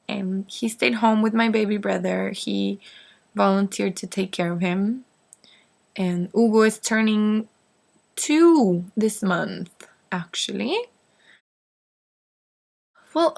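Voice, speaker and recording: Talking to camera in a loose, rambling way, this twenty-something vlogger from northeast Mexico, whose first language is Spanish, responds to viewers' questions with self-deprecating humor. Her voice is mid-range and gravelly.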